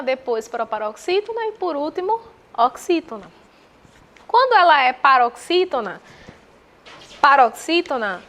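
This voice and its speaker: High, bright Brazilian teacher woman. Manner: didactic, asks the viewer rhetorical questions; spells out terms slowly and repeats them. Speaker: Portuguese teacher. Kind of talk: exam answer walkthrough.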